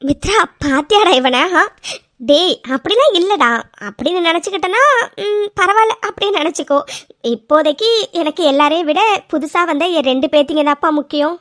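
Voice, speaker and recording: Woman doing a high-pitched cartoon grandma, sweet and coaxing, keeps asking "right?", dry close sound. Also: expressive, brisk, no room sound. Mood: teasing. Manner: coaxing, scolds gently, ends lines with tag questions. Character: affectionate elderly grandmother, doting and reassuring. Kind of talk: animated serial voice acting.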